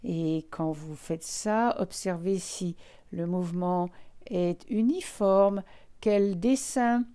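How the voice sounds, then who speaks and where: A woman instructor leading a guided relaxation exercise, calmly and gently giving step-by-step instructions with frequent pauses. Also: on the low side, smooth. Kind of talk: guided relaxation lesson, speaking directly to listeners.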